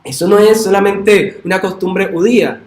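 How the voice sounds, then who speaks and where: A male pastor preaching a sermon in a church, emphatic and swinging up into loud, high exclamations. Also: normal speed, reverberant. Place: church sanctuary.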